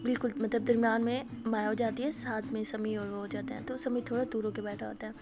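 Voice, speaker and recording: Brief: woman storyteller, loose conversational telling, English words mixed in, fairly high voice. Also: little pitch movement. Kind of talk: casual spoken storytelling.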